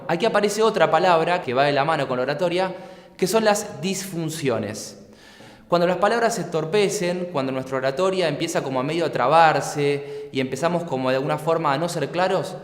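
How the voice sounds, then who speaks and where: Man lecturing in an echoey hall. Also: a little high. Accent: Argentine Spanish. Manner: clear, patient, asks rhetorical questions. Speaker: teacher. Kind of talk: explanatory lecture. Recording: echoey room with long reverb.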